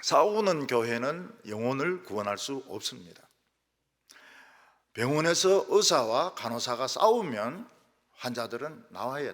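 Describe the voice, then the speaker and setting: An older man preaching a sermon as pastor, telling stories with lively asides and mimicking how people quarrel in regional dialects. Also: mid-range voice. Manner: animated storytelling, acts out quarrels in regional dialects. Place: church sanctuary. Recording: reverberant church hall.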